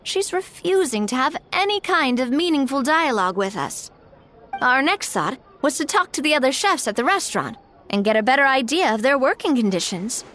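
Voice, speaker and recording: Game role: principled young heroine, high, lively intonation, courteous, composed, firm. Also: female voice, normal speed. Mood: weary, explanatory. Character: poised, principled, friendly young woman leader. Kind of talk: animated game voice acting.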